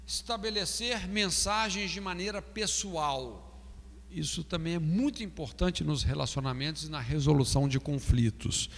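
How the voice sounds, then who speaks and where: A man's voice: on the high side, normal speed, a bit bright, long reverb tail. A Brazilian man teaching a pastoral counseling class, asking "não é?" often and acting out example phrases. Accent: Brazilian Portuguese. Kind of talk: classroom lecture.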